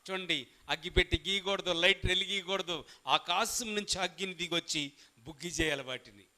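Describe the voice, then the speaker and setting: A man preaching a sermon, asking the congregation questions and answering them himself, calling on them to shout along, and moving between soft asides and loud, drawn-out calls. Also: high-pitched. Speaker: pastor.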